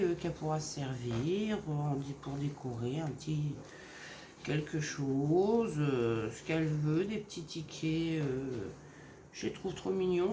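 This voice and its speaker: A woman from Normandy in France, casually showing her handmade crafts in a gentle, hesitant way with many fillers. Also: fairly low pitch. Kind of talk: casual craft show-and-tell. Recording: roomy echo, faint background noise.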